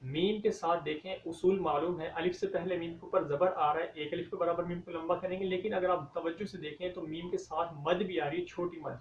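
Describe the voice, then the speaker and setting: A man teaching Quran recitation, explaining common mistakes and reciting verses slowly and drawn out. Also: fairly high pitch, steady tone, a little hiss or hum. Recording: dull, echoey, from a distance.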